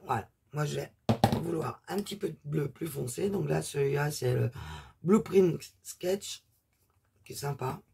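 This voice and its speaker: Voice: mid-range voice, measured pace, gravelly, warm tone, slight background noise. A presenter chatting casually through a hands-on craft demonstration, rambling with many fillers and asides, trailing off while working. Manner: talks while working, trails off mid-sentence.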